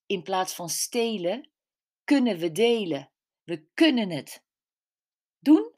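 A middle-aged woman author reading her own personal column aloud in a reflective, deliberate way. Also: medium pitch, expressive, darkish tone. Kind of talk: scripted personal narration.

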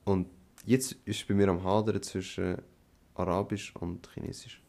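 A young man cohosting a casual podcast, speaking in a low voice with a lot of vocal fry. He talks in a relaxed, slangy way. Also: normal speed. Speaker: podcast co-host. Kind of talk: casual chat.

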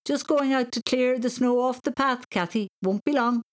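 A woman voicing a kindly father who speaks softly and calmly. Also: on the high side, normal speed, pitched above the performer's own voice, close to an everyday voice. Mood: cheerful. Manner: soft and gentle. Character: kindly father, gentle and calm.

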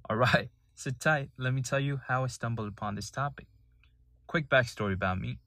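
A man's voice: medium pitch, a little fast, creaky, bright, forceful tone, no room sound. A young man from Nepal hosting a solo podcast, telling his story in an earnest, sometimes indignant way. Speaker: podcast host.

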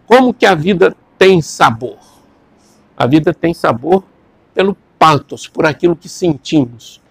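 A man's voice: fairly high pitch, animated, unhurried, gravelly, slightly rough, dry recording. A man giving a classroom lecture, rambling and repeating words as he questions his students.

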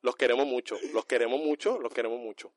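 A man's voice: medium pitch, fast talker, no echo, clean studio sound. A man co-hosting a casual podcast, teasing his co-host and laughing often. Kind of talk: casual joking podcast chat.

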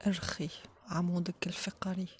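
A woman with an Algerian accent leads a guided relaxation in a soft, often whispered voice, giving short instructions with pauses between them. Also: fairly low pitch, flat delivery. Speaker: guided meditation leader.

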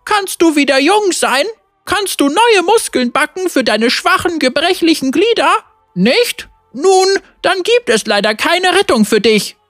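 A cruel male king sneers in a slow, haughty, self-satisfied voice, voiced by a woman narrator. It is storybook reading, recorded close and dry. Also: very high-pitched, big pitch swings, a bit bright, no echo, soft background music, voice pushed up, heavily acted. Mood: mocking.

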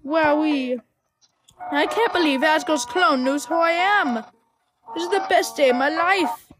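A woman voicing an excitable, eager young male skeleton who talks loudly and dramatically. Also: high-pitched, measured pace, music in the background. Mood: thrilled.

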